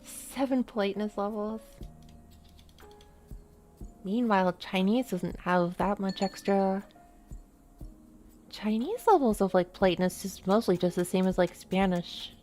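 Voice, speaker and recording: While gaming on stream, a woman VTuber rambles through casual chat, dropping in many "like" fillers. She talks at a measured pace with frequent pauses, in a medium-pitched, slightly mellow voice, as faint music plays behind her.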